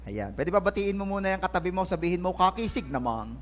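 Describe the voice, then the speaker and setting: Speaking quickly with big pitch swings, a high-pitched male pastor preaches a lively sermon in a church hall, teasing the congregation in good fun. The service recording carries a little hiss or hum, and the faint crowd laughs and answers back.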